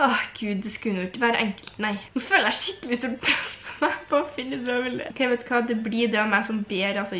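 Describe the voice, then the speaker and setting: A bubbly nineteen-year-old woman with a Trøndelag accent, chatting casually to camera. Her voice is high and bright, and the room around her sounds echoey. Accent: Trøndelag Norwegian. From Trøndelag, Norway. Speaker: YouTuber. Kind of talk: casual vlog chat.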